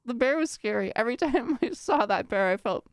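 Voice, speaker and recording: A young woman talks through a game as a streamer, playful and giggly, swearing freely. Her voice sits a touch high, and the sound is dry and close with no room echo. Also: expressive, a little fast. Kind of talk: casual gameplay commentary.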